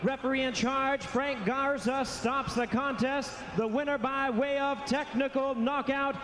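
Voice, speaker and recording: A man announcing results in the ring with formal, drawn-out, booming delivery. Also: steady tone, a little hiss or hum. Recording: echoey arena with loud crowd.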